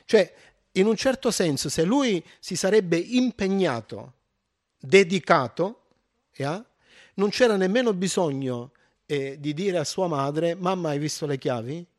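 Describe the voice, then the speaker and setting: A man's voice: high-pitched, expressive, a little slow. A man preaching a sermon, emphatic and building in force on his key points.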